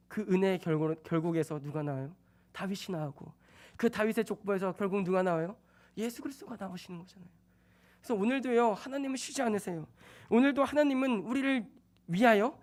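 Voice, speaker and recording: Lively young male preacher. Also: high voice, quick pace. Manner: lively, acts out dialogue in quoted voices, joking asides. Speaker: junior pastor preaching. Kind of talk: sermon at a Friday night service. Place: church sanctuary.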